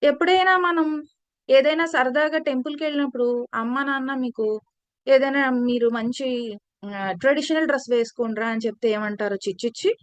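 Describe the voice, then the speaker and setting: A woman teaching children in an online class, telling a story in an animated way and asking them questions. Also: sits high, brisk, clear, resonant tone, no room sound. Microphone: video call.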